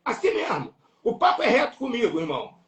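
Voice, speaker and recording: A man with a Brazilian Portuguese accent preaching an impassioned sermon, emphatic and repetitive, breaking into shouts. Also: very high-pitched, wildly swooping pitch, brisk. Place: church or live stream hall. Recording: echoey room, voice from far off.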